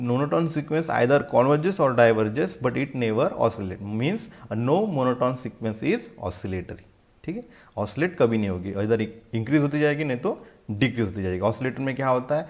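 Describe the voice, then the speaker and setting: A man teaching a university maths lesson in Hindi mixed with English, often asking the class rhetorical questions and reading English definitions out slowly. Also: mid-range voice, a little mellow. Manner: asks the class rhetorical questions, says "theek hai" often. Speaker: math lecturer.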